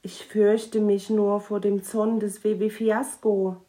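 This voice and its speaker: A woman's voice: mid-range voice, level tone, slow, mellow, natural voice. A woman voicing a small, timid male Christmas imp who speaks in an anxious, whimpering way.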